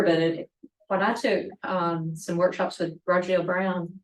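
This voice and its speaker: Mississippi woman teaching, echoey room. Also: fairly low pitch. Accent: Mississippi Southern US. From Mississippi, United States. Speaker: painting teacher, guest presenter. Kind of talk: informal demonstration talk. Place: meeting room with audience. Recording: echoey room, distant mic.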